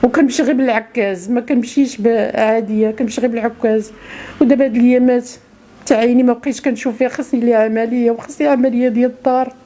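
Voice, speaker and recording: A middle-aged Moroccan woman gives an interview testimony, pleading and circling back to the same phrases. Her voice sits a little high, with a soft, mellow tone, and she speaks at a rapid pace. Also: steady tone. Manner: pleading, repeats her words over and over.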